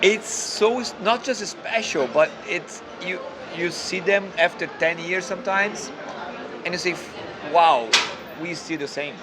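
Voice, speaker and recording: Man, fairly high voice, from Brazil, rambling casual interview talk, noisy outdoor recording. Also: a little slow, a crowd in the background. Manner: chatty, loose phrasing with many restarts and "you know". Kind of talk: casual conversation.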